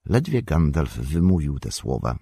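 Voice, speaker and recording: A man narrating an audiobook with a measured, dramatic reading. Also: very deep voice, very animated, gravelly, warm tone, breathy edge, no room sound, studio quality. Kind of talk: scripted narration.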